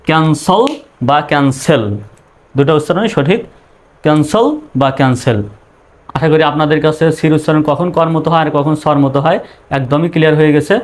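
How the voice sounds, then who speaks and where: Man, teacher, fairly high voice, letter-by-letter spelling, self-questioning. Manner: spells words letter by letter, asks and answers his own questions. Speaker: English reading teacher. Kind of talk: step-by-step spelling lesson.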